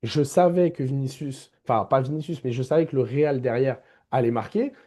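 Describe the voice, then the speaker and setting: A man's voice: medium pitch, fairly quick, dark tone. A man giving a casual football match debrief as a vlogger, emphatic, repeating his key points and addressing viewers directly.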